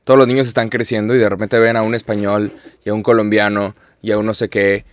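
A young Mexican man in casual chat, animated and rambling, sprinkling in slang and swearing. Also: lowish voice, quick pace. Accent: Mexican Spanish.

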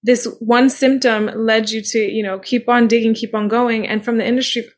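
A woman's voice: on the high side, flat delivery, normal speed. A woman hosting a podcast, chatting eagerly and agreeing with her guest, rambling with "like" and "you know.". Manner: enthusiastic, agreeing, rambling with fillers. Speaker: podcast host. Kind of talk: casual conversational chat.

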